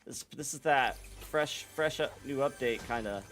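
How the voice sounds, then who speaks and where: A man's voice: mid-range voice, normal speed, fairly bright tone, faint music behind. A young man streaming a game live, chatting casually to his viewers in a laid-back, slangy way. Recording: noisy background.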